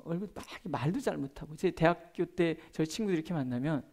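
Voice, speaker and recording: A middle-aged man preaching a prayer-meeting sermon as a pastor, chatting through personal stories and moving between loud emphasis and soft, hushed asides. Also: fairly high pitch, lively intonation, fast talker. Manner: conversational, tells personal stories with gestures.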